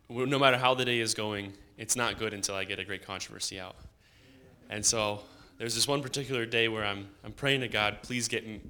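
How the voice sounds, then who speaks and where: A young man, a student literature evangelist, telling a personal testimony with animated retelling and frequent restarts. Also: fairly low pitch, clear, resonant tone. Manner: animated storytelling with many restarts.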